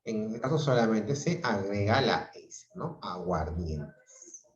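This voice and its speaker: Slow, patient male teacher on a video call. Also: fairly low pitch, faint music behind. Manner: explains patiently, checks in with "¿ok?" and "¿no?". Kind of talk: online grammar lesson. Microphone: video call audio. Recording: roomy, dull lo-fi video call sound.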